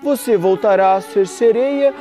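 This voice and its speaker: A woman's voice: medium pitch, warm tone, soft background music, pitched above the performer's own voice, natural voice. A woman voicing a scheming sea witch, dragging out her words with menacing emphasis. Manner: slow, drawn-out, menacing emphasis.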